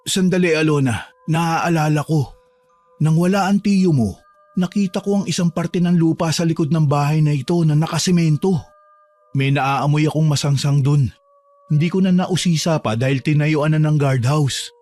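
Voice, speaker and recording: Calm, reassuring man as a gardener. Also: normal speed, lightly acted. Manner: calm, reassuring, low-key. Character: calm, protective male servant helping a trapped girl. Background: faint music.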